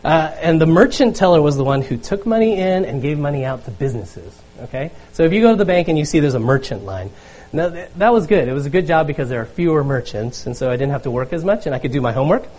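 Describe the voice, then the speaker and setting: A man telling a personal story to an audience, animated and laughing often as he acts out what people said. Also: on the high side, fast, poor audio.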